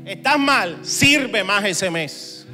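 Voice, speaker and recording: A man pastor preaching to church leaders, joking at times and at times shouting exhortations. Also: high-pitched, expressive, very slow. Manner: humorous, swings from chatty asides to shouted exhortation. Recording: long hall reverb, faint music.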